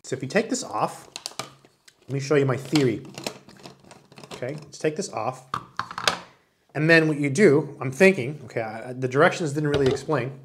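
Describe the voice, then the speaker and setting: A man's voice: medium pitch, normal speed, pauses often, background noise. A man in his forties doing a casual, enthusiastic product review, talking while he handles and demonstrates the item indoors. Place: small indoor room with wood-panel wall.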